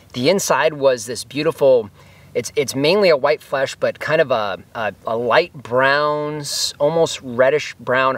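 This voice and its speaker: There's no room sound as this slightly high-voiced homesteader films a casual walkthrough of his orchard. He's enthusiastic about his fruit trees and occasionally chews while speaking.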